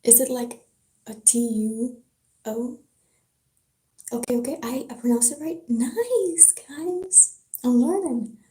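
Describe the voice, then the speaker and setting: A livestreamer with a French accent reads a novel aloud and chats easygoingly with her audience. She speaks slowly in a slightly high, soft, mellow voice, and her home setup gives the sound a roomy echo.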